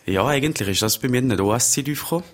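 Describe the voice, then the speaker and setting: A man's voice: mid-range voice, animated, racing. A man with an Upper Valais Swiss German accent, an interview guest who tells easygoing, rambling stories about himself. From Upper Valais, Switzerland. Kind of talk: conversational interview.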